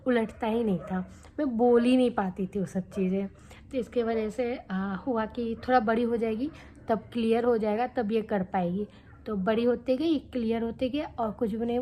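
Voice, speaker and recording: Chatty young woman vlogger, mellow voice. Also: on the high side, a little hiss or hum. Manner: chatty, candid, tags lines with "theek hai" and "hai na". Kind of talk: casual talk to camera.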